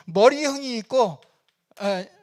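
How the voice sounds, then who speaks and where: A man preaching a conversational sermon from a church pulpit, animated and chatty, with frequent fillers and chuckles. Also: high-pitched, drawn-out words. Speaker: pastor.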